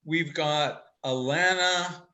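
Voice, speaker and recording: A man teaching a casual online college class over a video call, chatty and upbeat, quick-talking and fond of teasing his students with jokes. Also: a little high, pushed and bright, low-quality recording. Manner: talks quickly. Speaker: college instructor.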